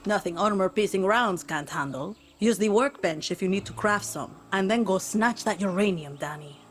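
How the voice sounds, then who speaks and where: For a video game cutscene, an actress plays a tough, wry female rebel and former volunteer soldier briefing a partner on a mission. Her medium-pitched, lightly acted delivery is brisk, instructive, and wry, like a guide giving mission briefings.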